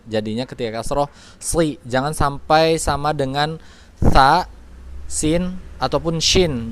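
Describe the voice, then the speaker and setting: A man teaching Quran pronunciation, explaining each letter patiently and slowly drawing out the recited examples. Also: a little high, a little hiss or hum. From Indonesia. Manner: patient, careful, drawing out sounds slowly to demonstrate.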